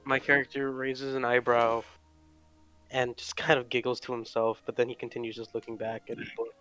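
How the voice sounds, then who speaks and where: A man playing in a tabletop game over an online call, tentative and unsure of himself. His voice is smooth and clear but stays flat in pitch. Faint music runs underneath. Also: fairly quick. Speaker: player. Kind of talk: casual tabletop play.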